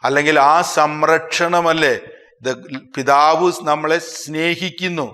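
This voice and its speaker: Preaching with a Malayali accent, this male priest's voice rises and drops abruptly in loudness and pitch, echoing with long hall reverb. He speaks expressively and slows sharply whenever he wants to stress a phrase.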